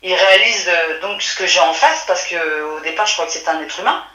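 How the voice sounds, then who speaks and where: A woman telling what she witnessed, in halting speech full of restarts and fillers. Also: lowish voice, bright, forceful tone, echoey room, low-quality recording. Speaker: witness telling her story. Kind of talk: hesitant testimony by phone or call.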